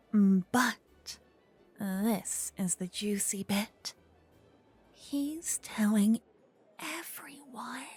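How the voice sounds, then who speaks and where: In a scripted fantasy ASMR roleplay, a woman voices a flirtatious, witty royal tailor, close to a binaural mic. Her medium-pitched, slightly mellow voice is breathy and often whispered, and her manner is teasing, refined and gossipy.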